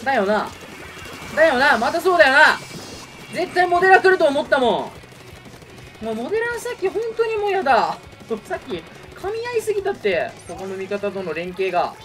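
A man's voice: extremely high pitch, very animated, moderate pace, a bit bright. A man giving live gameplay commentary, reacting as he goes, between muttering to himself and exclaiming. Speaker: gaming streamer. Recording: music and game audio behind. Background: video game music.

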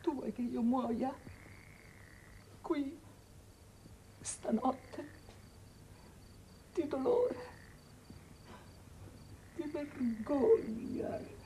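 A woman's voice: lowish voice, lively intonation, a little hiss or hum. A grieving guilt-ridden mother. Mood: despairing. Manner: slow, hushed, sorrowful, often whispering. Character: anguished guilt-ridden mother, middle-aged woman. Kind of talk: 1980s TV drama acting.

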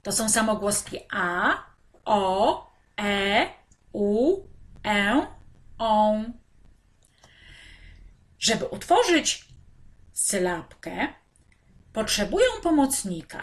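A woman teacher walks young children through a reading lesson, pronouncing syllables slowly and with great care. Her pitch is mid-range and moves a lot, rising and falling to hold their attention. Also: sing-song, a bit bright. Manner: slow, clearly articulated, speaking to children. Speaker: primary school teacher.

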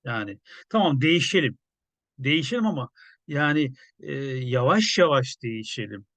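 A journalist commenting in a casual, conversational way, musing with many hesitations. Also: male voice, medium pitch, lively intonation, normal speed, a bit bright, no echo.

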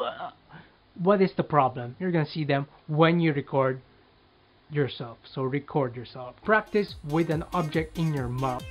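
Man, speaking coach, casual tips, demonstrates drills, slightly high pitch, dull recording. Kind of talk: tips to camera.

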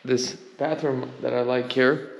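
With a medium-pitched voice and vocal fry, a real estate agent casually and enthusiastically walks through a house for sale, calling out details as he films handheld. The house is empty with large bare rooms, giving the audio a long reverb.

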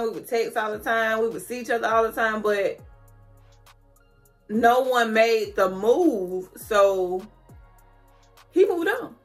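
A slightly tipsy woman in her thirties chatting casually to camera at home, loose and candid, with expressive, colloquial dramatic emphasis. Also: a little high. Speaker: vlogger answering questions. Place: small decorated room at home, indoors.

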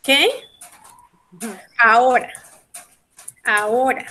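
A woman's voice: fairly high pitch, level tone, extremely slow, sharp tone. A middle-aged woman teaching a conversation class, mixing Spanish and English and coaxing her students along with questions and prompts.

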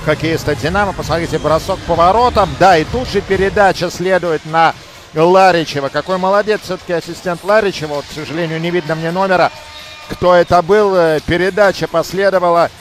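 High-pitched male hockey commentator calling goals excitedly. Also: a little fast. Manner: excited goal calls, emphatic. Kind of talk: live sports commentary.

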